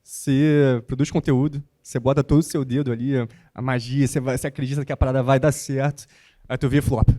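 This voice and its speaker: A young man speaks as a panel guest, full of motivational energy and casual slang. His voice has a mellow, dark tone. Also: medium pitch, fairly quick. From born in the United States, raised in Rio de Janeiro. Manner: animated and motivational, slangy with frequent "cara" and "pô". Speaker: guest, basketball content creator. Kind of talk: panel talk on stage.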